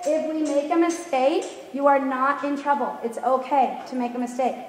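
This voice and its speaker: A woman riding instructor coaching a live lesson with brisk, projected commands, firm and instructive, often checking understanding with questions. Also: high-pitched, faint music behind. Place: large echoey riding arena. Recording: echoey hall, distant mic, background noise.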